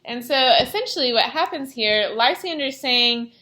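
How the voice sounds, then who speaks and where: A woman's voice: fairly high pitch, animated, moderate pace, bright, forceful tone. A woman teacher giving a literature lecture, retelling the plot in a casual, conversational way and often checking in with "right?". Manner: retells the plot casually between quoted passages.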